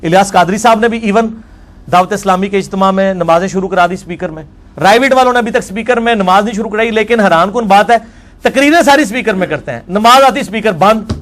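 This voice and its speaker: A man speaks in the manner of a religious lecture. He reads quoted texts slowly and then comments on them forcefully. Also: sits high. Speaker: religious scholar.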